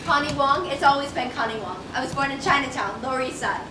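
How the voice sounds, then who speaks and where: A woman playing a tiny young dancer who answers with deadpan jokes. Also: sits high, fast talker, natural voice. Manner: deadpan jokey. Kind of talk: stage musical acting. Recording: echoey stage, distant mic, hum behind.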